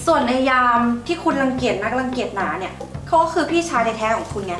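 A stern company chairwoman with a fairly high voice, firm and reproachful, as a woman acts her out. She sounds a bit distant from the mic in an echoey room. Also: lively intonation, fast, over music, natural voice. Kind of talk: online short drama acting.

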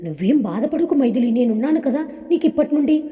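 A woman's voice: high-pitched, lively intonation, fast talker, in a large hall, muffled recording. A woman voicing a jealous, scheming young man who puts on a sweet act in a storybook audio drama. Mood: sly. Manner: two-faced, sugary then threatening.

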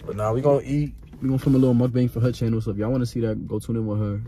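A man's voice: mid-range voice, fairly even intonation, racing, mellow, a little hiss or hum. A young man from New Jersey with a Jersey accent, chatting casually and slangily on a phone vlog from his car. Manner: slangy, laid-back banter. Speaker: vlogger. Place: parked car, then a parking garage.

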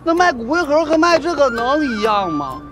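A man's voice: extremely high pitch, big pitch swings, moderate pace, music in the background. A man acting in a TV drama, complaining and sarcastic. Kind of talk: TV drama dialogue.

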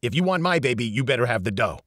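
A man's voice: big pitch swings, quick pace, fairly bright tone, no echo, clean studio sound. A man voicing a greedy, sleazy heavyset male gold dealer with a New York accent, pushing a hard bargain. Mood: wheeling-dealing. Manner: pushy sales-pitch bargaining.

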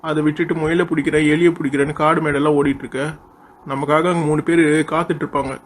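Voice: medium pitch, little pitch movement, fast talker, slight background noise, voice pushed down, close to an everyday voice. A cartoon voice artist playing a stern grown man who scolds his friend and hurries him along. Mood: scolding. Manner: scolding, bossy.

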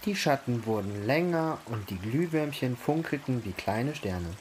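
A man reading a picture book aloud to children in a slow, gentle and expressive way. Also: mid-range voice, slight background noise.

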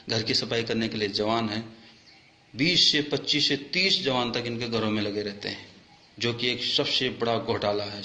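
A man's voice: lowish voice, pushed and bright, reverberant. A man speaking as a soldier, making an impassioned, accusing complaint that rises in anger. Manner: indignant, accusing, rising in anger.

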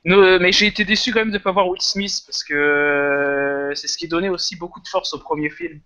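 A man with a French accent giving his views in a casual film review chat, measured and hesitant. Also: sits high, bright, forceful tone.

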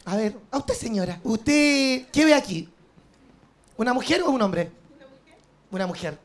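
A woman with a Chilean accent doing a brassy, animated stand-up monologue, acting out the voices of others. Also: a little high, unhurried. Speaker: stand-up comedian. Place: TV studio stage. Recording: live show with loud audience laughter. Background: audience laughter and crowd noise.

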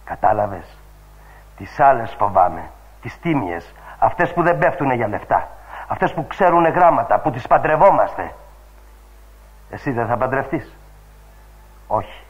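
A man's voice: medium pitch, sing-song, long pauses, close to an everyday voice. Man reading as a cynical old sailor. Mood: bitter. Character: weary cynical male ship's radio operator. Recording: dull lo-fi old radio recording.

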